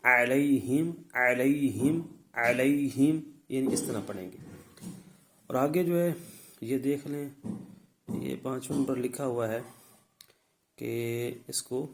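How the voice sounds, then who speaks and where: A man teaching the rules of Quran recitation step by step, often checking in with his listeners and then sounding out the words louder as examples. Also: medium pitch, creaky, pauses often, slight background noise, low-quality recording. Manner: repeats "theek hai" to check in. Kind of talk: tajweed lesson.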